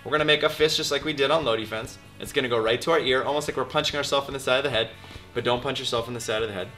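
A man's voice: mid-range voice, rapid-fire, sharp tone, soft background music. A man in his thirties, a martial arts instructor, giving step-by-step instructions while demonstrating blocks. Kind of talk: technique demonstration. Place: martial arts studio, indoors.

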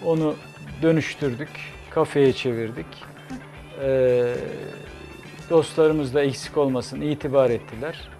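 A man in his sixties, a cafe owner guest, speaking in a measured, hesitant way with many pauses. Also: mid-range voice, mellow, faint music behind. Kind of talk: studio interview. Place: TV studio kitchen set.

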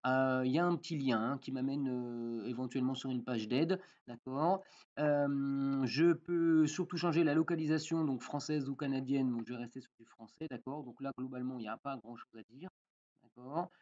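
A man walking through a software tutorial in a casual way, with many fillers and frequent "d'accord?" check-ins. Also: mid-range voice, moderate pace, dull audio. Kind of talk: screen-recorded software tutorial.

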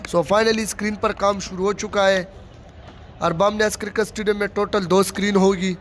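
A vlogger from Pakistan tours a large stadium under construction on foot, holding his phone camera outdoors. His high voice is brisk and flat, he repeats phrases in plain running commentary, and there's a little hiss or hum.

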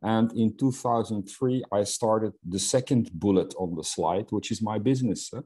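Speaking at a normal speed, this Salesforce instructor has a lowish, dark and slightly rough voice. He's a middle-aged Dutch-speaking man from Belgium giving an online webinar, and he hesitates a lot, with frequent fillers and restarts.

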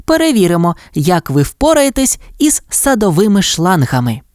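A woman's voice: fairly low pitch, very animated, moderate pace, a little mellow, no echo, clean studio sound, pitched above the performer's own voice. A woman voicing a kind, capable mother dalmatian in a storybook reading, instructing her puppies. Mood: instructive. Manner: instructive, encouraging.

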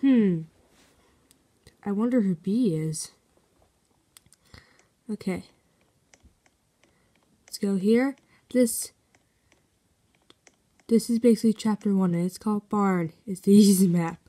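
A woman gives relaxed, slow-paced commentary over her own gameplay. She reads in-game notes aloud and reacts out loud as she plays. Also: mid-range voice. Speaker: game video maker.

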